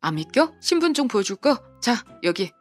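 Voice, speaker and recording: A woman voicing a big, burly off-duty male police officer in an audio drama, speaking calmly and coldly with sarcastic questions. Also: on the high side, normal speed, faint music behind. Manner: calm, cold, sarcastic questions.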